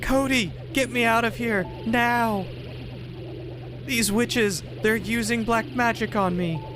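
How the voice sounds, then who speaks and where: A man doing a shrill captured desert thief woman. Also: takes it slowly, background noise. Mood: frantic. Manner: shrill, frantic shouting. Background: game music.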